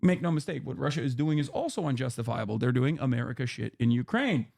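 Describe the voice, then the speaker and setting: A man in his thirties hosting a stream talks politics with a guest in a fast, gravelly, animated mid-range voice. His delivery is impassioned and profane, rising hard to near-shouting emphasis.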